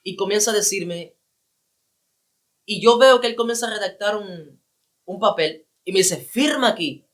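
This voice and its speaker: Male evangelist, high-pitched, telling his story with feeling and repetition. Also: moderate pace, pauses often, fairly bright tone. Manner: emotional, repeats phrases for emphasis. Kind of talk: personal testimony.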